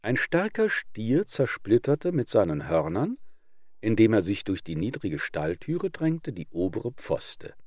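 A man reading old fables aloud in a measured, expressive narration. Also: on the low side, dry recording, clean studio sound. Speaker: audiobook reader.

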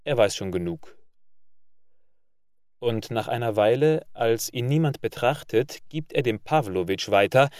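A man narrating a literary story in a measured reading voice. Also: medium pitch, no echo, studio quality. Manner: measured reading, loud barked commands for characters.

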